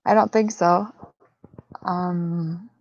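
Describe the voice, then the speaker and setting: A woman co-hosts a casual live Q&A, greeting viewers and reading their comments in a slow, unhurried way. Her voice has a gravelly edge. The audio is dull and dry, with a lo-fi sound. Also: fairly low pitch, fairly even intonation, a little mellow, no room sound. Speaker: livestream co-host. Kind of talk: casual livestream Q&A.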